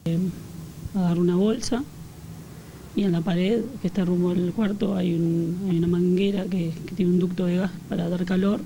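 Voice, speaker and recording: Gravelly Argentine woman giving testimony. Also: lowish voice, steady tone, warm tone, slight background noise, rough recording. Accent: Argentine Rioplatense. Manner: halting, filler-heavy retelling. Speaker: victim's relative giving testimony. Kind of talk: recounting events in an interview.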